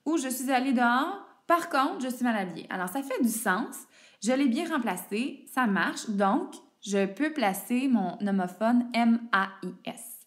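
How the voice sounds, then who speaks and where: A woman teaching a spelling lesson, her voice a little higher than most. She is patient and methodical, spelling out words letter by letter as she explains. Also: lively intonation, measured pace. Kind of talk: explaining French homophones to a student.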